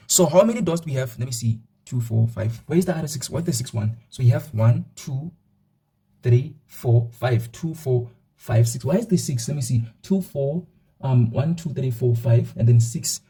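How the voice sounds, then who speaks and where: A young male math teacher talks quickly through a lesson, thinking out loud and counting points one by one. His voice is dark and somewhat husky. He repeats himself often as he explains. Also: medium pitch. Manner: repetitive, counting aloud, thinks out loud with fillers.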